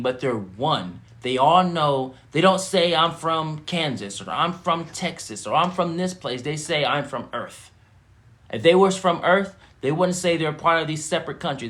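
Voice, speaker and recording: A man with a fairly high voice delivers a spiritual teaching to a live-stream audience. He preaches emphatically, circling back over his points and building into forceful peaks. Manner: repetitive, emphatic preaching with rising bursts.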